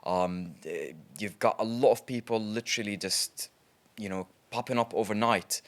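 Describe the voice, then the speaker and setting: A man, a trader guest, telling stories in a casual interview in a chatty, lively way, with frequent ums. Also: on the low side, moderate pace.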